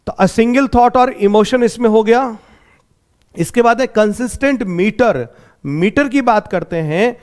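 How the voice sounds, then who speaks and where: An Indian man teaching literature for an exam, asking questions and answering them himself, repeating key points slowly in simple words. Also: high-pitched. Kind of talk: exam-prep literature lecture.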